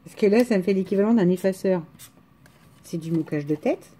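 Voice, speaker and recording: Her warm, mid-range voice runs a little fast as this rural-accented French vlogger chats with viewers about her craft haul. She rambles casually, hesitating and starting over.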